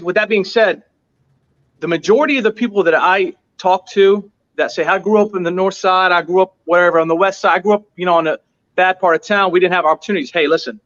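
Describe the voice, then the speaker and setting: Speaking with a high, somewhat bright voice through dull audio, this US restaurant owner shares his story in an interview. He is earnest and emphatic, driving points home by repeating them.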